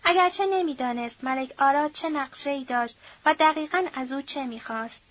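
A woman reading a novel aloud as an audiobook narrator, at a steady, measured pace. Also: high-pitched, no room sound, highs cut off. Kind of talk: scripted narration.

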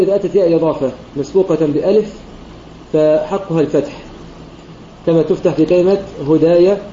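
A man teaching a lesson on Quran recitation rules. He works through the points step by step, repeating phrases and pausing on "aah" fillers. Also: fairly high pitch, mellow, a little hiss or hum. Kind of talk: religious lesson explaining a classical poem. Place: online voice-chat room. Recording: muffled online voice-chat room audio, roomy.

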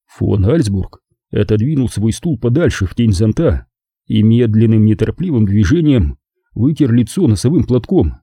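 A man narrating an audiobook in a measured, even way. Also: lowish voice, husky, no echo, clean studio sound. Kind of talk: scripted narration.

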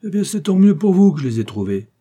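A man's voice: high-pitched, very animated, quick pace, warm tone, husky, pitched above the performer's own voice, exaggerated voice. A man voicing a cheeky young working-class Parisian, talking in slangy, cocky bursts.

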